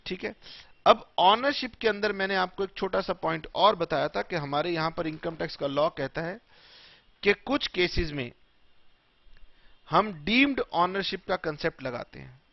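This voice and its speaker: A man teaching tax law in a classroom lecture, mixing Hindi and English in a slow, emphatic way. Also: high voice, lively intonation, vocal fry, dry recording, dull audio.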